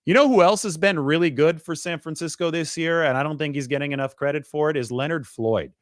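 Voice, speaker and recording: A man's voice: fairly high pitch, no room sound. Male sports reporter, conversational stat breakdown, dry close sound. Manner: quick, stat-heavy, conversational. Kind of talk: sports analysis monologue.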